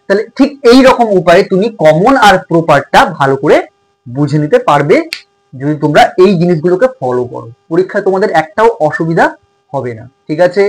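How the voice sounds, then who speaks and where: A man's voice: fairly high pitch, animated, a little fast, poor audio. A man tutor teaching a grammar lesson to schoolchildren, repeating points and checking in often. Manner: repetitive, checks in with "okay?".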